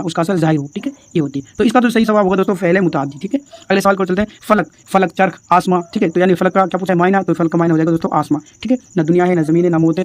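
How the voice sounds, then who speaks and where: A man walking through exam answers in a lesson, addressing viewers as friends and answering his own questions. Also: high-pitched. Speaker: teacher explaining exam answers.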